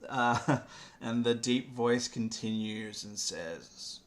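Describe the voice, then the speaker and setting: A man running a tabletop game as game master, explaining rules hesitantly with many pauses. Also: mid-range voice, little pitch movement. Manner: hesitant, with frequent ums and pauses.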